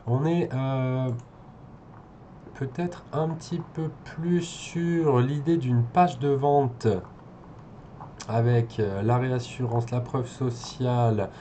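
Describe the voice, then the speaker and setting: A man's voice: medium pitch, takes it slowly, dark tone, slight background noise. A man working as an SEO consultant, thinking aloud as he reviews a website, hesitant with many fillers and restarts.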